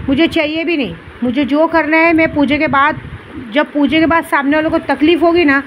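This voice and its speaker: A woman in her thirties talks straight to camera as a ritual practitioner, her voice pitched high. She speaks in a stern, warning tone and lectures her listeners. A faint hiss runs under the recording. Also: poor audio. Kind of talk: direct-to-camera monologue.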